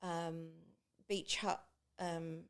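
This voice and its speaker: This middle-aged East Anglian woman, a beach hut business owner from Great Yarmouth, England, is a podcast guest telling personal stories and acting out remembered remarks. Her voice is lowish, clear and resonant, with flat delivery and a very slow pace.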